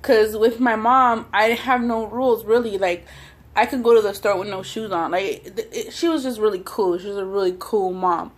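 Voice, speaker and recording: A woman's voice: mid-range voice, fairly even intonation, moderate pace. A woman talking casually and chewing as she goes, telling personal stories in a hesitant, rambling way between bites, like a mukbang vlogger. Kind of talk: casual personal storytelling while eating.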